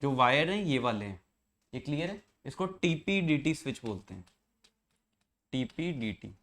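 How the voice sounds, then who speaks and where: A man's voice: mid-range voice, big pitch swings, fairly quick, a bit bright. A man teaching an engineering class, explaining circuits step by step and quizzing his students as he goes. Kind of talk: classroom lecture.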